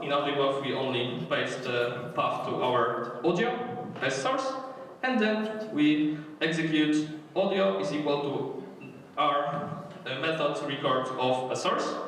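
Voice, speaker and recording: A man's fairly high, slightly bright voice delivers a live coding workshop talk in English with a Polish accent, hesitant and full of fillers and restarts. He's in a conference hall, recorded from a distant mic amid echo and faint noise.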